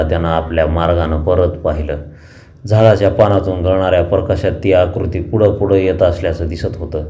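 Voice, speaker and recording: Deep-voiced male storyteller. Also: warm tone. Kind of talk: scripted story narration.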